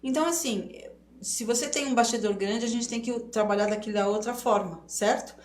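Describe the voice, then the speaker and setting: A woman's voice: a little high, fairly quick, darkish tone. A middle-aged woman teaching embroidery stitches in a live online class, explaining step by step and often checking that viewers follow. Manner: chatty, explains step by step with many checks like "tá certo?". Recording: roomy echo, faint noise.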